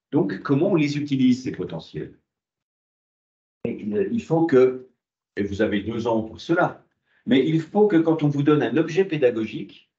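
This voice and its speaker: This university lecture comes from a man whose mid-range voice is mellow, and he asks rhetorical questions only to answer them himself. The classroom recording is muffled and echoey.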